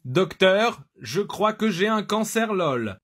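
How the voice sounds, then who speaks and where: A voice actor doing a stilted, mechanical, half-robotic voice. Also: male voice, high voice, sing-song, slow, a bit bright, breathy edge, pitched above the performer's own voice, exaggerated voice. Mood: deadpan. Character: half-robotic synthetic voice, male.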